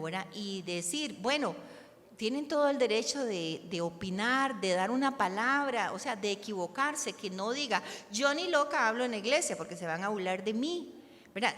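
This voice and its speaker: A woman's voice: medium pitch, a bit bright. A woman teaching a church class on prayer in a conversational way, often checking in with her listeners. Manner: conversational, keeps asking "¿verdad?" to the listeners. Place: church hall. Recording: reverberant hall, faint background noise.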